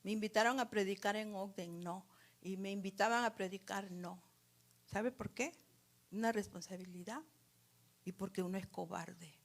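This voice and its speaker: A woman preaching a sermon, calling her listeners brothers again and again and swinging from soft near-whispers to loud, emphatic lines. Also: mid-range voice, fairly even intonation, moderate pace, creaky. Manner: repetitive address to the congregation as brothers.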